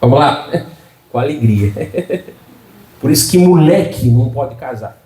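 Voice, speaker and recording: Slow and expressive, with a warm, medium-pitched voice, a middle-aged preacher jokes through a folksy sermon and asks his congregation for frequent amens. The recording comes from afar in a reverberant church.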